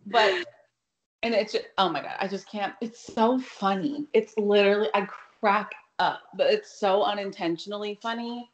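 A woman's voice: medium pitch, moderate pace, slight background noise. A woman co-hosting a podcast in casual chat, informal and exclamatory, with easy swearing. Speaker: podcast co-host.

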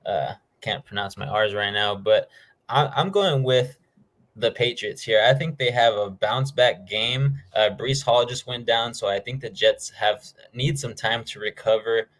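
A man's voice: on the low side, unhurried, fairly bright tone. A man hosting a sports show, talking casually and informally through his game predictions. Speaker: host of a football picks show.

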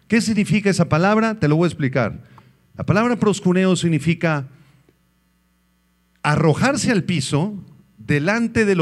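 Male preacher, slightly high voice, emphatic sermon delivery with call-and-response questions. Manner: emphatic, asks the congregation questions and answers them.

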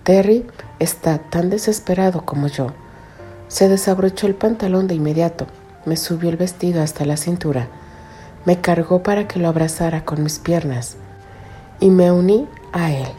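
Brief: low, mellow woman reading romance narration over faint music. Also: normal speed. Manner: intimate first-person storytelling. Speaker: audiobook narrator.

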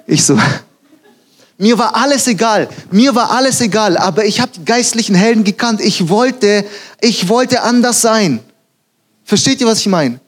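Young male preacher, high-pitched, animated storyteller who plays every line he quotes. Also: a little slow. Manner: animated storytelling, acts out quotes, laughs at himself. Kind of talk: sermon.

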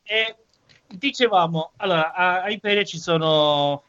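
High-voiced man on a dull-sounding call. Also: a little slow, fairly bright tone. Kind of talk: casual anecdote telling in group chat. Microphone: video call. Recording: dull, lo-fi video call audio.

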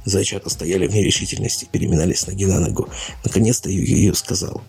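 A man calmly reading a bedtime story aloud as the storyteller. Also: low voice, quick pace, vocal fry, breathy edge, soft background music. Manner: calm, even reading.

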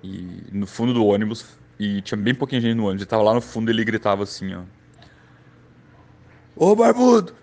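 A man's voice: lowish voice, fairly even intonation, very fast, hardly any pauses. Rambling gaúcho man telling stories. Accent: southern Brazilian gaúcho. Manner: loose, rambling, lots of fillers. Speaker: storyteller. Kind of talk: casual anecdotal storytelling.

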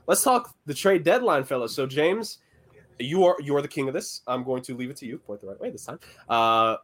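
A man's voice: medium pitch, lively intonation, a little fast, a bit bright. A man hosting a sports podcast. He speaks earnestly and steers the talk toward his co-hosts. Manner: earnest and encouraging, hands off to co-hosts. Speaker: podcast host.

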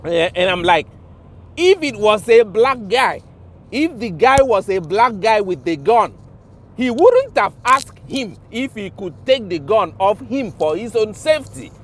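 Fired-up Nigerian man, fairly high voice. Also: very animated, unhurried. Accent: Nigerian, mixing Pidgin and English. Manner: impassioned and indignant, swears, repeats himself for emphasis. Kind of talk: ranting vlog monologue.

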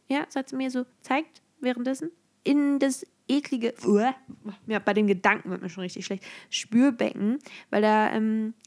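A young adult woman telling a story in a casual, sarcastic way, dropping into hushed asides. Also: fairly high pitch. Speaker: vlogger.

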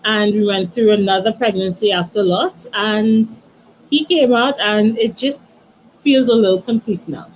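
A woman guest in her thirties shares a personal story in a soft, halting voice, often restarting and reaching for words. Her voice sits at a middle pitch, and faint background noise sits under it. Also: rough recording. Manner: soft, halting, many restarts and "you know". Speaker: guest, author.

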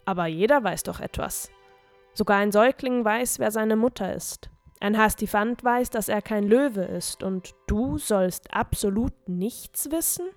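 A woman voicing a huge, furry, one-eyed male forest creature in a storybook reading, gentle and curious. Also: medium pitch, unhurried, soft background music, lightly acted. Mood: wondering.

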